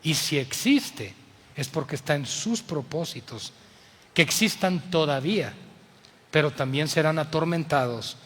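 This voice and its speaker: A Mexican man preaches a passionate sermon in a high voice. He swings from loud appeals to near-whispers. A long reverb trails each phrase through the church. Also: expressive, unhurried. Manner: impassioned, swings from loud to hushed. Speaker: pastor.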